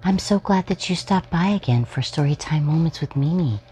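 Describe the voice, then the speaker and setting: A deep-voiced woman in her forties reads a children's story aloud at a moderate pace, expressive and addressing young children like a storytime host. A little hiss or hum sits under the recording, made indoors in a small furnished room at home.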